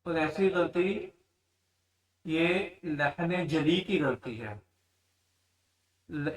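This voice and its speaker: Male Quran tajweed teacher, slightly high voice, explains then chants slowly, mic set back. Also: a bit bright, recorded from a distance, low-quality recording. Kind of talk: tajweed lesson with demonstrations.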